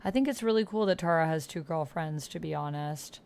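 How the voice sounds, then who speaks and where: This woman's voice is deep, dark-toned and smooth, a little fast with vocal fry. As host of a text-based roleplaying game, she chats casually and expressively in slangy language, playing along with the typed roleplay.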